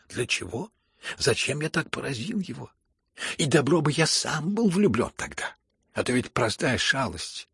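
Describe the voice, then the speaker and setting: A man reading an audiobook and voicing an older gentleman who tells a regretful tale and stammers when flustered. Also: mid-range voice, creaky, slightly rough, no echo, clean studio sound, voice pushed up, exaggerated voice. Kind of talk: audiobook character voice.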